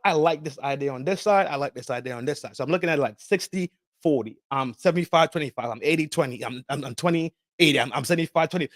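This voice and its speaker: A man with a fairly high voice hosts a podcast, ranting casually about politics. He swears heavily, uses street slang, repeats phrases and speaks emphatically, recorded at studio quality with no room sound.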